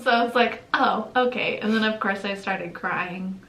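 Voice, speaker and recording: A young woman co-hosting a channel, telling a story in a casual, animated way, acting out quotes and laughing often. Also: medium pitch, normal speed, slight background noise. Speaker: channel co-host. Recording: echoey room.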